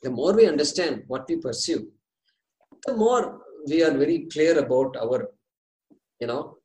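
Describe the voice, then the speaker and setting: A man with an Indian accent giving an explanatory religious discourse, deliberate and repeating key phrases for emphasis. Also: a little high, darkish tone. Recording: echoey room.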